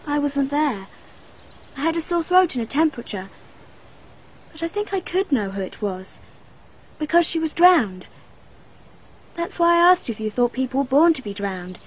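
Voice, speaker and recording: A woman with a high, very animated voice speaks at a moderate pace with long pauses, acting as a precocious, dreamy twelve-year-old girl. The character sounds earnest, matter-of-fact and a little odd. Faint hiss runs under the dull lo-fi archive radio sound.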